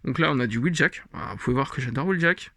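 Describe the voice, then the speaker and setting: A man's voice: medium pitch, animated, quick pace, creaky, a bit bright, no echo. A man casually showing off his comic book collection, rambling with many fillers and little chuckles. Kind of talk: casual show-and-tell vlog.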